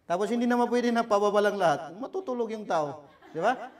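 A man's voice: sits high, a little fast. Filipino man lecturing, far from mic. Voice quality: swings from loud to soft, mimics bad delivery. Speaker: Islamic speaking lecturer. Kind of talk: lecture on public speaking. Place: cultural center hall.

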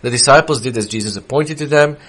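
Quoting scripture and unpacking its meaning, a middle-aged man whose first language is Serbian preaches in a small church with a wooden wall. His voice is medium in pitch and a bit bright, and he proceeds in a measured, hesitant manner with frequent pauses and fillers.

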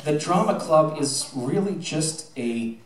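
Filmed from the audience in a roomy, distant recording, a middle-aged man who directs high school theatre addresses the crowd through a handheld PA microphone. His delivery is slow and on the high side, yet lively and projecting as he shares anecdotes and thanks people in an informal speech.

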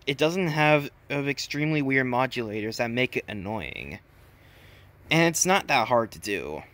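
A young man talks through his opinions in casual commentary, with a lively voice that rises and falls a lot. He stumbles and restarts often. The sound is close and dry. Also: medium pitch, no room sound. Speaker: video commentator.

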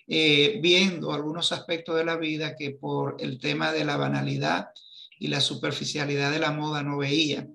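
A man in his fifties moderating a film forum on a video call, speaking slowly and hesitantly as he searches for words. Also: on the high side, gravelly, bright, forceful tone. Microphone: video call webcam.

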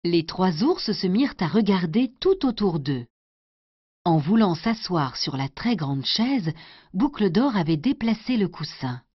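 A woman storyteller doing an expressive scripted storybook narration. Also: on the low side, a little slow, slightly rough, no echo. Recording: dry, dull lo-fi recording.

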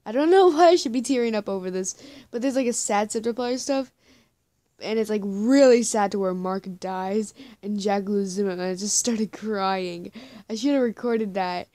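A woman giving casual reaction commentary while dubbing a comic, giggly and quick to run herself down. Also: mid-range voice, warm tone, no echo. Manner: giggly, self-deprecating asides. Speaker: comic dub reader.

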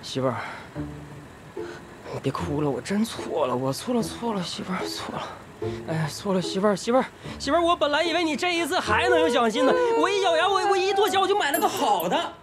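A man's voice: high-pitched, very fast, few pauses, close to an everyday voice. An actor playing a young husband who coaxes and pleads with his wife. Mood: pleading. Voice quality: pleading and repetitive when apologizing. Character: eager, sheepish young husband. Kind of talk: short drama acting. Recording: music bed under the dialogue.

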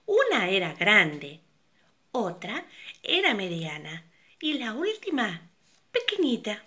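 Older woman narrating a children's story, slow and animated. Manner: slow and very expressive, leaping pitch.

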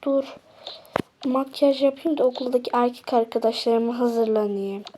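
A woman's voice: fairly high pitch, fairly even intonation, moderate pace, warm tone, slight background noise, natural voice. A woman voicing a fed-up sassy schoolgirl. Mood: annoyed. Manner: exasperated, grumbling, sighing.

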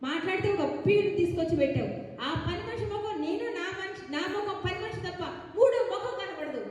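Woman playing a nagging, shrill stage wife. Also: animated, fast, darkish tone, a little hiss or hum. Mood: scolding. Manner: scolding, complaining, theatrical. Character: nagging young wife, later pleading Savitri. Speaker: stage actor in rehearsal. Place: rehearsal hall. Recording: echoey hall, room reverb.

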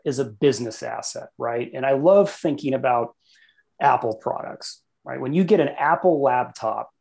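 A conference speaker answering audience questions over a video call, talking in an animated, emphatic way. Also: mid-range voice. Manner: animated, emphatic, laughs between points. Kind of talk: casual Q&A answer.

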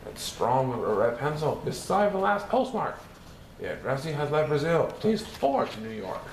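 This man's voice sits on the high side, with big pitch swings and a moderate pace, as he performs a verse picture book for children in a theatrical, rhythmic, sing-song way. Background noise and a roomy echo are audible.

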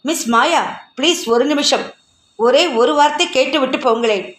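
A woman voicing a pompous man who pesters with gushing, theatrical flattery, in an echoey room. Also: high-pitched, moderate pace, natural voice.

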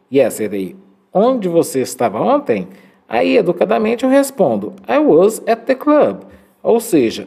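A man teaching English to Portuguese speakers in a recorded lesson, slowly modeling phrases for students to repeat. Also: mid-range voice, warm tone, breathy edge. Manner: slow, drawn-out modeling of English phrases for repetition.

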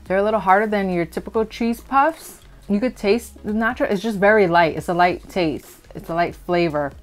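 A woman's voice: mid-range voice, moderate pace, soft background music. A woman talking while chewing as she reviews a snack in a casual, chatty vlog. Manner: chatty, rambling with fillers. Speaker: vlogger taste-testing foods.

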